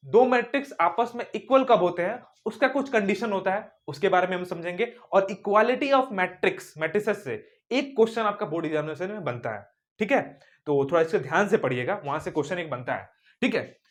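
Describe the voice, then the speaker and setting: Lively, questioning maths teacher. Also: male voice, sits high, brisk. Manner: repetitive rhetorical questions, addresses students directly. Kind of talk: video lesson.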